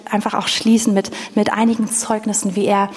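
A woman preaches to her congregation in an earnest, direct way, often repeating her words. Her voice sits at an ordinary middle pitch. It carries a long reverb from the hall. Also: flat delivery, a little fast, darkish tone. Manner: earnest, addressing the congregation directly, with frequent repetitions. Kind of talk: sermon.

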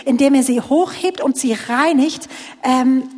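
A woman's voice: sits high, a little slow, darkish tone. A woman interpreting a sermon live, following the preacher closely with occasional restarts. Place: church hall. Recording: reverberant hall.

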